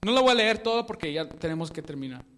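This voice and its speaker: High-voiced man preaching in a reverberant hall. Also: expressive, fast, fairly bright tone. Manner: conversational storytelling preaching, searching aloud for words. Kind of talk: sermon.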